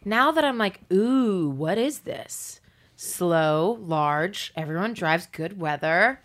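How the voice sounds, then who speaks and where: A woman's voice: fairly low pitch, animated, slow pace. Chatty young woman from Hong Kong. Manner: chatty, laughs easily, trails off mid-sentence. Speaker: podcast guest. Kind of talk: casual chat.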